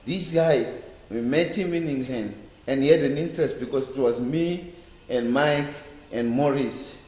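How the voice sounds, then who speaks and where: This mid-range, darkish voice belongs to a man in his fifties from a Cape Town township in South Africa, a reggae bass player being interviewed. In this casual oral-history conversation he recalls things in a rambling, halting way, often repeating words. The library room where it was recorded gives the audio an echoey, roomy quality.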